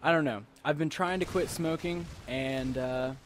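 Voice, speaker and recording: A man's voice: a little high, moderate pace, slight background noise. A tipsy man doing casual game commentary, rambling and repeating himself as he talks to his viewers. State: tipsy from alcohol. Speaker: gamer commentator.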